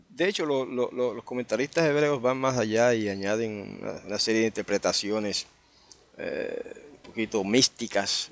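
A man teaching a Bible passage in a conversational way, often checking in with the listeners and restarting phrases. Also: medium pitch. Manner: conversational, full of tag questions and restarts. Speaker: preacher.

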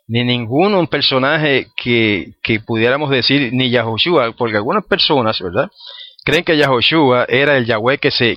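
A man teaching a Bible study, who keeps checking in with his listeners through tag questions and spells out Hebrew words slowly and with care. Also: mid-range voice, dry recording. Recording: dull, dry recording.

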